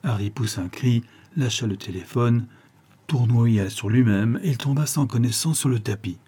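A man narrating a detective novel as an audiobook, in a measured, even storytelling manner. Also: medium pitch, husky. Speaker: audiobook reader.

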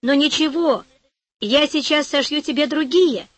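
A woman's voice: high voice, measured pace, dry recording, voice pushed up. A humble kindly shoemaker, as a woman reads him.

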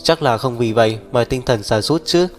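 A man voicing a blunt, teasing middle-aged mother in a brisk, scolding manner. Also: mid-range voice, natural voice. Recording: long reverb, faint background music.

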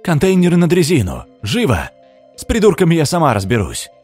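A man's voice: mid-range voice, huge pitch swings, a little fast, slightly rough, soft background music, voice pushed up, exaggerated voice. A man voicing a cold, commanding young witch woman in an audiobook, with a mocking, imperious manner. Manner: imperious, mocking, sharp-tongued. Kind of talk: audiobook character voice.

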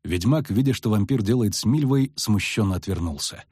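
A man narrating a fantasy audiobook with dramatic, expressive delivery. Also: on the low side, brisk, husky, dry recording, studio quality.

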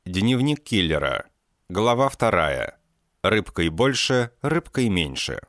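Sex: man. Role: audiobook reader. Style: first-person narration. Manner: deadpan, sardonic, deep, expressive rise and fall. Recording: dry and close. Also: dry recording.

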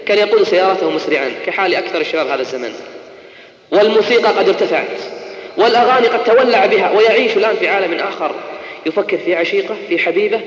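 A man preaching an emotional sermon, swinging from hushed to urgent and slowing into melodic chanted recitation. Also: sits high. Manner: impassioned, rising and falling, slow melodic chanting of verses. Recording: echoey hall, dull lo-fi tape.

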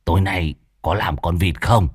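A man voicing a sly, hot-tempered older village sorcerer, scolding gruffly and muttering. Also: low voice, moderate pace, no room sound, clean studio sound, pitched below the performer's own voice.

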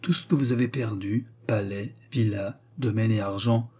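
Guy doing cold sneaky noble, taunting, low-key husky voice. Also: moderate pace, warm tone. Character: cold scheming Sicilian nobleman.

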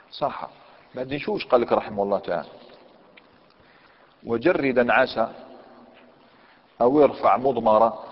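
Algerian man teaching grammar in a hall. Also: medium pitch. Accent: Algerian Arabic. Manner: questions students and repeats key points; reads the commentary text aloud, then explains. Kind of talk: classroom grammar lesson. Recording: echoey hall, dull lo-fi sound.

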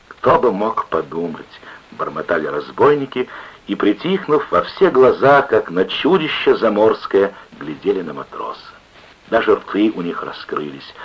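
A man narrating a story with expressive, lively reading, on an old lo-fi radio recording. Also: low-pitched, slightly rough.

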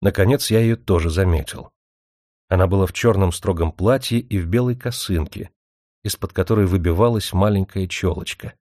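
A man narrating a first-person audiobook in a wry, even storytelling manner. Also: deep voice, moderate pace, no room sound, studio quality.

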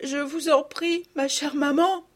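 A woman voicing a tearful little girl who speaks in halting sobs, in a storybook reading. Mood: pleading. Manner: sobbing, halting, high and strained. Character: tearful little girl, distraught over lost doll.

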